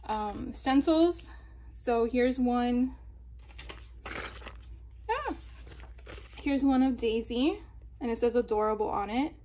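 A woman's voice: on the high side, darkish tone, slight background noise. A woman in a casual haul video, talking chattily with fillers and little laughs while showing craft supplies at a table. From Florida. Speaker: craft vlogger. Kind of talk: casual haul show-and-tell. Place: indoors at a table.

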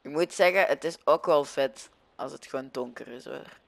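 A man's voice: medium pitch, moderate pace, creaky, no room sound. A young man with a Flemish accent giving casual, hesitant commentary over a video game, often searching for his words. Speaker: gaming video host.

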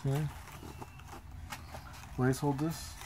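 A man's voice: medium pitch, flat delivery, slow pace, background noise. A middle-aged father filming a family vlog in a cruise ship cabin, talking in an easygoing way as he guides his son. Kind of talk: casual vlog chat.

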